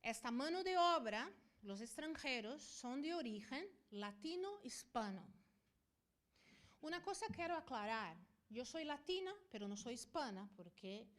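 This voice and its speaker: A middle-aged Brazilian woman, a native Portuguese speaker, gives a conference presentation in Spanish with an accent picked up living in Spain. A veterinarian and university professor, she speaks in a high, sing-song voice, lecturing didactically and often checking in with the audience with a quick "ok?".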